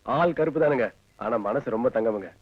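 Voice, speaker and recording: An actor playing a simple, kind-hearted village helper with a Kongu Tamil accent, talking deferentially and politely. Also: male voice, medium pitch, fairly quick, close to an everyday voice. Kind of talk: film acting. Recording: dull lo-fi film audio.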